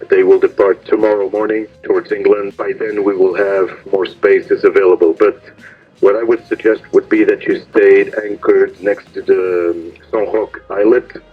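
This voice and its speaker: A man's voice: lowish voice, fairly even intonation, moderate pace, slightly rough, soft background music. A man working as a marina radio operator, speaking courteously and procedurally over VHF marine radio. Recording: muffled marine radio transmission.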